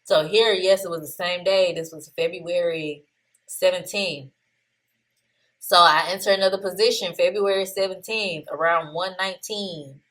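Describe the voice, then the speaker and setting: Low-voiced woman casually recapping trades. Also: normal speed. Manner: relaxed, chatty, laughs at herself. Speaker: trader reviewing her trades. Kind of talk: casual screen-share trading recap.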